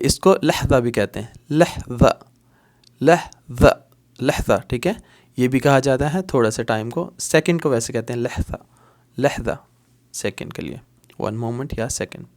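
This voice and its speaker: A man's voice: mid-range voice, darkish tone. A man teaching basic spoken Arabic in a casual lesson, repeating each word several times and mixing in English. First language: Urdu.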